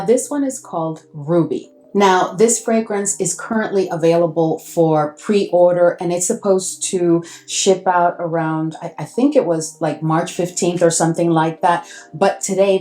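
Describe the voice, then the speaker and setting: Woman, vlogger, casual chat, gushing, emphatic repeats, lowish voice. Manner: gushing, animated, addresses viewers as guys. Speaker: perfume vlogger.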